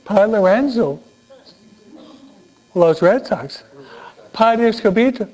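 A man's voice: high-pitched, expressive, very slow, a little mellow. A male priest giving a humorous homily, full of jokes, laughing often and checking in with his listeners by asking "¿no?". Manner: chatty, laughing, frequent tag questions. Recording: dull lo-fi recording.

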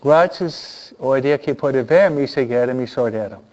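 A man preaching a sermon, animated and repeating phrases for emphasis. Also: mid-range voice, normal speed, lo-fi sound.

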